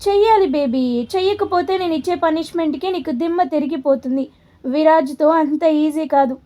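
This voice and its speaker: A man's voice: very high-pitched, normal speed, dark tone. A woman voicing a bossy, teasing young man who orders a woman around after winning a bet, in a commanding, mocking way.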